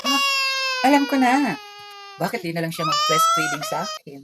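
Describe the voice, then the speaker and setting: A woman voicing a polite, nervous new young housemaid, over loud background noise. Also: high voice, wildly swooping pitch, normal speed, pitched above the performer's own voice, full character voice. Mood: timid.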